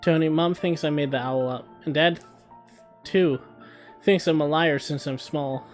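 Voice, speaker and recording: A frightened little girl from a horror game, pleading and anxious, as a man reads her lines aloud. Her voice sits a little high. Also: unhurried, faint music behind, lightly acted. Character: scared little girl, young sister.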